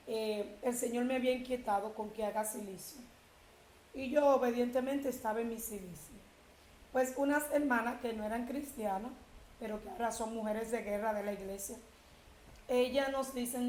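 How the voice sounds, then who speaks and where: A woman's voice: a little high, a little mellow, reverberant, slight background noise, poor audio. A woman preaching a testimony in a sermon, telling her story with emphatic quoted speech.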